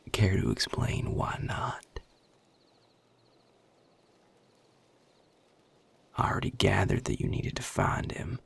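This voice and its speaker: A man whispers a little slowly as a Southern vampire guarding his turf, his low voice gravelly, husky and breathy but a bit bright. Irritated and sardonic, he drawls with a Southern US accent and curt authority, staying fully in character as he talks to the listener in an audio roleplay.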